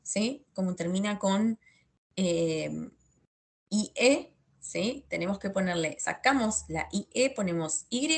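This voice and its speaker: A woman teaching an online English class, explaining step by step and often checking in with a questioning "sí?". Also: medium pitch. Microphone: computer mic in an online class.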